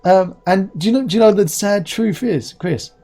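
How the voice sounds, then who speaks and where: A man's voice: sits high, normal speed, dark tone. A man in his forties who pronounces his r's as w's, hosting a casual live stream in a chatty, rambling, anecdotal way. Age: 40s. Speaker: host.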